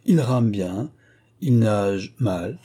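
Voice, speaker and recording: A teasing young princess with a lively, raised voice, as a man reads her. Her tone comes through dark and husky, with a quick, mischievous bite. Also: mid-range voice, voice pushed up. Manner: quick-witted, mischievous, playful.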